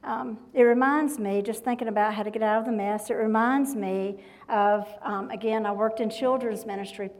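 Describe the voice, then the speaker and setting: A woman in her fifties gives a devotional talk in a fairly high voice. She chats easily, spinning homey stories and asking the crowd questions as she goes. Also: fairly even intonation, moderate pace, a little mellow, poor audio. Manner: folksy, chatty storytelling addressing the audience directly. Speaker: guest speaker.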